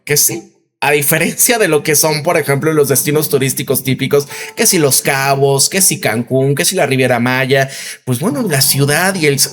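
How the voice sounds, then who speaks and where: A man's voice: medium pitch, normal speed, fairly bright tone. A Mexican man in his thirties hosting a casual commentary video, rambling and tossing in tag questions. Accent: Mexican Spanish. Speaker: commentary channel host.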